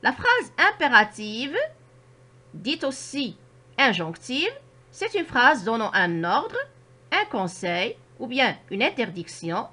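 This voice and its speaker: A woman teacher with a Moroccan French accent, explaining a grammar lesson to children slowly and with careful articulation. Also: a little high, very animated, bright, forceful tone. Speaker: primary school teacher.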